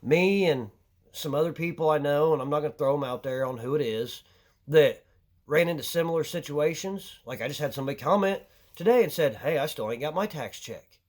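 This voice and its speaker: A man's voice: fairly high pitch, fairly quick. A man venting his anger in a crude, heavily profane monologue to camera. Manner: angry, crude and swearing heavily. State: short of breath at times. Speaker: vlogger.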